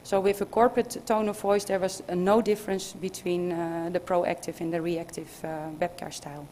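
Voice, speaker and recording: A woman's voice: fairly low pitch, level tone, moderate pace, warm tone, slight background noise. A woman giving an academic conference presentation, hesitant, with many filler sounds and restarts. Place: conference room.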